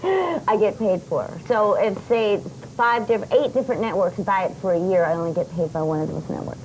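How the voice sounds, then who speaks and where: A woman's voice: medium pitch, moderate pace, a little mellow, rough recording. Gushing woman on worn tape. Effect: worn VHS tape copy, faintly hissy. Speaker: talk show guest. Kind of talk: gushing chat. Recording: worn tape copy with faint hiss.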